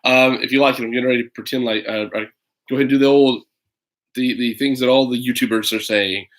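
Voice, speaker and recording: The audio is poor as a thirties-aged parent chats and reads a kids' storybook online in a rambling, hesitant, playful way. He talks fast, with a medium-pitched, fairly even voice.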